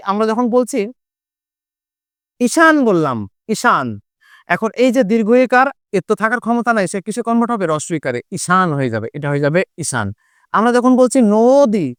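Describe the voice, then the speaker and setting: Male teacher with a Bangladeshi accent: high, resonant, unhurried delivery that spells out example words, recorded close and dry. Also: clean tone, dry recording. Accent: Bangladeshi Bengali. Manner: slow and deliberate, stressing example words. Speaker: Bengali teacher. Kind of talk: exam-prep lesson.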